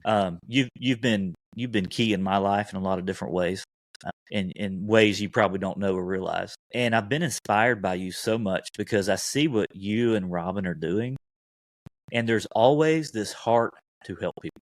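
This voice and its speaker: Host, male, low voice, dry close recording, encouraging. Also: normal speed, dry recording. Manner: encouraging, warm backchannels and laughs. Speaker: podcast host. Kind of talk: casual interview.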